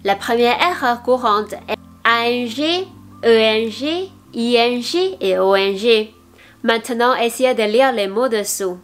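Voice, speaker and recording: Slow, patient teacher woman. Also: fairly high pitch, expressive, soft background music. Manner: clear, slow demonstration of pronunciation, patient. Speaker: Mandarin teacher. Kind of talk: language lesson video.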